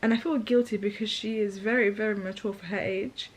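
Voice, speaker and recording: A woman's voice: medium pitch, fairly even intonation, brisk, slight background noise, rough recording. A woman, chatting candidly in her vlog as a mother, often laughing, with a catch of emotion. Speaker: vlogger and mother. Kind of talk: casual chat.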